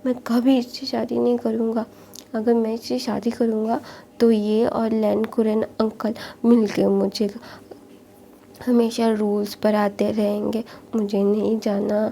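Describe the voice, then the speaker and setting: A woman's voice: fairly high pitch, level tone, measured pace, creaky, warm tone, a little hiss or hum. A woman doing a whiny spoiled young man. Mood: complaining. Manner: whining, pleading complaints.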